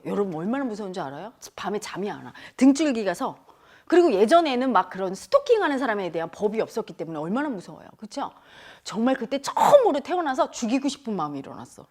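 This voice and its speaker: A middle-aged woman giving a spiritual talk on the mind, speaking straight to her listeners and acting out inner voices. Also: high voice. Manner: animated, addresses listeners directly, acts out inner voices. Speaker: meditation teacher.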